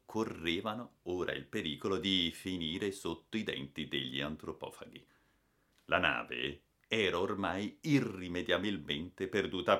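A man narrating an adventure story as a dramatic audiobook, vivid and expressive. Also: low-pitched.

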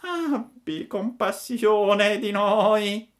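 A man voicing an old, ruined female fox who begs in a whining, drawn-out voice, in a storybook reading. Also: high-pitched, pitched above the performer's own voice.

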